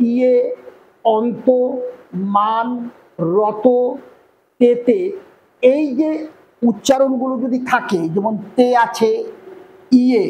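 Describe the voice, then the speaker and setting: Man, Bengali accent, very high voice, grammar teacher, explains step by step, faint background hum. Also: poor audio. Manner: explains step by step, often checks "clear?". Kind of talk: online grammar lesson.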